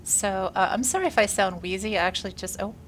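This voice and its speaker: Speaking fast at medium pitch, with slight background noise, a woman gives chatty, upbeat commentary on a space game as she plays. She's stuffed up and a bit wheezy from a workout and being unwell, and uses lots of "uh" fillers. She's a gaming video creator.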